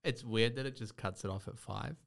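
Podcast guy with low gravelly voice, dry jokes. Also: brisk, fairly bright tone. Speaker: podcast co-host. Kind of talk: casual chat.

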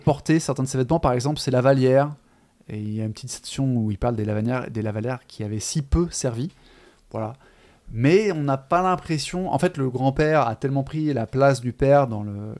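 A man co-hosts a relaxed discussion about books. He talks in a chatty, halting way, often pausing and restarting his sentences. His voice sits at an ordinary middle pitch. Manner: hesitant, many fillers and restarts, chatty. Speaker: podcast co-host. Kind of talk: casual literary discussion.

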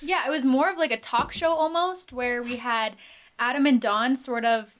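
A woman's voice: high-pitched, moderate pace, a bit bright. A young woman chatting as a guest, upbeat and talkative. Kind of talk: casual chat.

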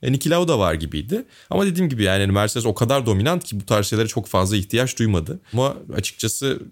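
A man's voice: fairly low pitch, sing-song, fast talker. A man co-hosting a casual talk show, giving opinions at length and thinking aloud with fillers. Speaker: podcast co-host. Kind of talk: casual conversational commentary.

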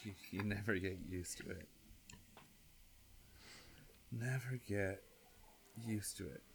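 A man playing in a tabletop role-playing game who makes dry, deadpan asides. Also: fairly low pitch, slow pace, slight background noise. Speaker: player.

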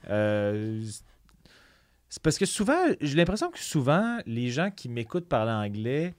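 A man's voice: medium pitch, very animated, measured pace, no echo. A man with a Québécois French accent co-hosting a podcast, reading listener questions and joking about himself. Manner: self-mocking, reads listener questions. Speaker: podcast co-host. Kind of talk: casual chat. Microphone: studio mic.

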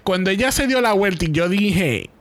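A man, co-hosting a casual chat, animated and laughing loudly, mixing in English phrases. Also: high-pitched, normal speed, no echo. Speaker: podcast co-host.

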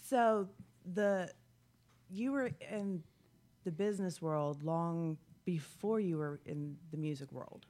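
A podcast host asking questions softly in a casual chat, often murmuring agreement. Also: mid-range voice, slow.

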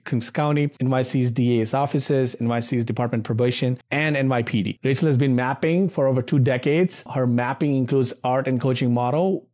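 A man's voice: medium pitch, darkish tone. A man hosting a podcast, talking in an effusive, earnest way with lots of casual fillers over a video call. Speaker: podcast host.

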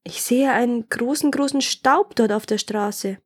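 A woman's voice: a little high, measured pace, voice pushed up. A woman voicing a young sister keeping watch from a tower, answering in a sing-song, rhyming chant. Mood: calm.

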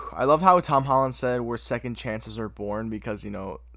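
A young man hosting a podcast, reviewing a movie in casual chat, excitable and gushing, with lots of filler words. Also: mid-range voice, moderate pace, creaky, no echo, clean studio sound. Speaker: podcast host.

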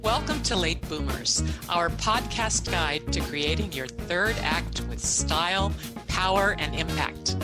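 A woman's voice: lowish voice, lively intonation, slow pace, over loud music. A woman co-hosting a podcast, reading a polished introduction and asking interview questions. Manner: polished, scripted delivery. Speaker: podcast co-host.

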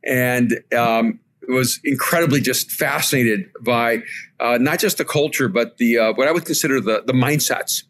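A man's voice: mid-range voice, normal speed, fairly bright tone, slight background noise. Spanish-native man telling his story. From El Salvador. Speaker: podcast guest. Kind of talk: reflective storytelling. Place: remote call from home.

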